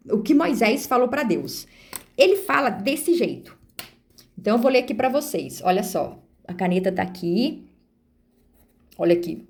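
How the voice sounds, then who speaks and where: Higher-voiced Brazilian woman teaching the Bible. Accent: Brazilian Portuguese. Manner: warm devotional tone, repeatedly addresses listeners as brothers and sisters; reads scripture slowly and deliberately. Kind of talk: informal Bible study on video. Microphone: phone camera.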